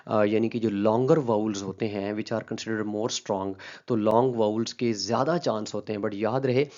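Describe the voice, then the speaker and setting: A man's voice: fairly low pitch, darkish tone, lo-fi sound. Man teaching a linguistics lesson. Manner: checks in often with a "right?" and mixes in English terms. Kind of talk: explanatory video lecture.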